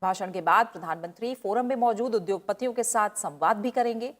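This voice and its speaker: Woman anchor reading the news. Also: medium pitch. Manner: steady, measured delivery.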